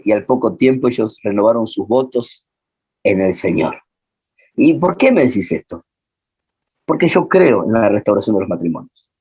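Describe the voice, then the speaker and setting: Lively Rioplatense pastor, slightly husky. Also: male voice, medium pitch, dull audio. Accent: Rioplatense Spanish. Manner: animated storyteller, voices the people in his stories. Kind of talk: teaching sermon with anecdotes.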